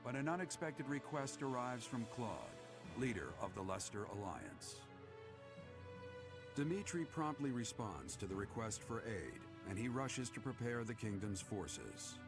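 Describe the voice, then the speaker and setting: A man narrating a video game's story in an even, scripted way over background music. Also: medium pitch, measured pace. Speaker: game narrator. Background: game music.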